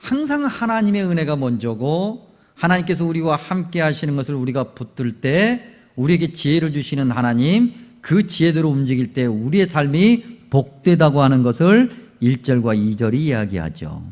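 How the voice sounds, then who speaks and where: A man's voice: a little high, very animated, normal speed, a little mellow. A man preaching a Sunday sermon as pastor, telling stories and asking the congregation questions. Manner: storytelling, asks the congregation questions. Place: church sanctuary. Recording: long church reverb.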